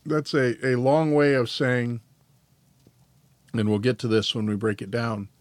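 A man's voice: medium pitch, flat delivery, measured pace, no room sound. A male podcast host reading a devotional and a church confession aloud in a careful way, now and then tripping over his words.

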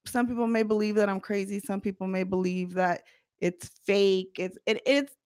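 A woman's voice: mid-range voice, steady tone, moderate pace, a little mellow, smooth, no echo. Woman guest, middle-aged, blunt and profane, dry recording. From United States, parents from Guatemala. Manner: blunt, profane, laughs often. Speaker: podcast guest, practicing witch. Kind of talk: casual podcast chat.

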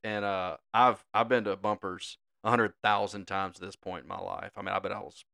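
A young man, a podcast co-host telling a family story in a casual, animated way and laughing often. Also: on the low side, fairly quick, vocal fry, clear, resonant tone.

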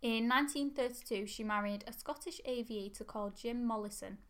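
A woman, co-hosting a podcast and reading history notes in steady runs. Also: fairly high pitch, fairly quick. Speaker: podcast co-host.

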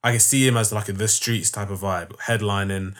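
Low-voiced man with London roadman accent. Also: steady tone, brisk, fairly bright tone. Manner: slangy London roadman way of talking, with swearing. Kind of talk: casual chat.

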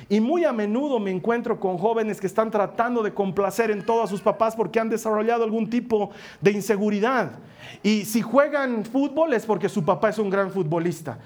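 A man preaching a sermon as a pastor, emphatic, slowing down dramatically and dropping to a soft voice on key phrases. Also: sits high. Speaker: pastor and coach.

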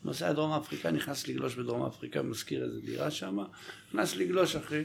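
A man's voice: a little high, vocal fry, slight background noise. A man in his thirties telling stories in a casual chat and acting out what people said. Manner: animated storyteller, acts out quotes. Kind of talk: casual storytelling.

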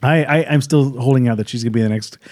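A man's voice: mid-range voice, quick pace, a little mellow. A man co-hosting a podcast, chatting casually and rambling as he retells movie scenes. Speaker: podcast co-host. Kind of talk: casual movie review chat.

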